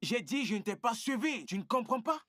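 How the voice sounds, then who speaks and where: A woman's voice: a little high, lively intonation, a little fast, a bit bright. A woman dubbing into French a young man who insists defensively that he did nothing wrong. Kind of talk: French film dub.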